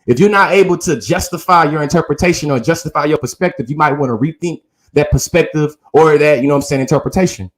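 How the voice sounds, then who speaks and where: Earnest debater man, slightly high voice. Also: fast talker. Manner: earnest, repeats "literally", stacks long reasoned sentences. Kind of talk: casual debate recap.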